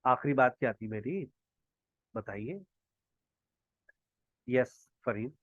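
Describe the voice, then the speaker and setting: A man from Pakistan, a native Punjabi speaker, teaching spoken English in an online class over a video call, slowly quizzing his students and modeling English phrases. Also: medium pitch, lively intonation, slightly rough, no echo. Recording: dull lo-fi online call audio.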